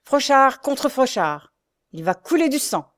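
A hulking young villain from a classic storybook, menacing and sneering, throwing out threats in a raised, loud voice. A woman narrator acts him out, pushing her voice up higher and harder for his taunts. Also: big pitch swings, normal speed.

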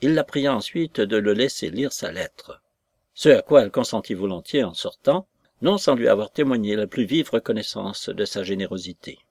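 A man narrating a classic novel aloud in a measured storytelling manner. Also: lowish voice, expressive, a little mellow, no room sound, clean studio sound. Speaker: audiobook reader. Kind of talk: scripted narration.

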